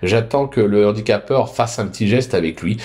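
A man's voice: lowish voice, fairly quick, a little mellow. A man presenting his horse racing betting tips in a video, upbeat, with frequent hesitant fillers between phrases. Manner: upbeat promotional delivery of picks.

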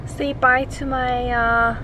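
Young woman, twenties, casual vlog chat, slow talker, handheld camera, noisy audio. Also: high voice. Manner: relaxed, giggly, mixes in Korean words. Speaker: vlogger. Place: car, then small apartment kitchen. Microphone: handheld camera close to face.

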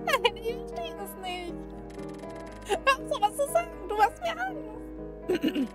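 A woman voicing a possessive young princess who pleads in a high, tearful way. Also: big pitch swings, slow, music in the background, heavily acted. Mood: desperate, pleading.

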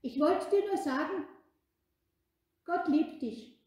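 A woman voicing a kind, patient old bishop in a children's story, coaxing and gentle. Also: sits high, expressive, takes it slowly, pitched above the performer's own voice. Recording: echoey room.

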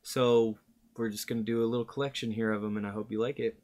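A man's voice: on the low side, little pitch movement, fast talker, darkish tone. A young man hosting a reaction video in casual chat from a small room. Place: small wood-panelled room indoors.

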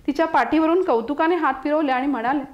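A woman from Mumbai, India, reading a children's story aloud in a lively way and giving each character a voice. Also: sits high, quick pace, highs cut off. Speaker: storytelling contestant. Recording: roomy echo.

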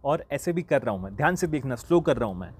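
A man gives a casual online flute lesson in a medium-pitched, breathy voice, very animated and quick. He is chatty and encouraging, singing the note names aloud as he goes.

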